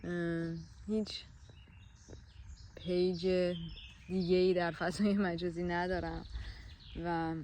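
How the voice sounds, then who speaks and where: Soft-spoken woman, hesitant and gentle. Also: lowish voice, level tone, a little hiss or hum. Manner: hesitant, with frequent filler sounds and pauses; gentle, soothing tone. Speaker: vlogger sharing a personal experience. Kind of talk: reflective personal talk to camera. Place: outdoors in a forest.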